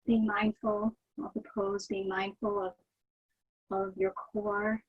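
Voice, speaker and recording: A woman teaching yoga, guiding the poses in a soothing, gentle manner with a slightly husky, breathy voice. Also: medium pitch, flat delivery, slow pace, narrow, tinny audio. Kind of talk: guided yoga instruction.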